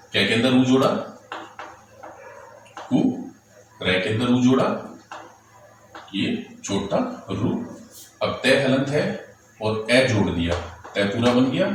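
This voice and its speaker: A male teacher patiently explaining, step by step, how letters and vowel signs are written, asking and then answering his own questions. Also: mid-range voice. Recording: very echoey room, distant mic, faint noise.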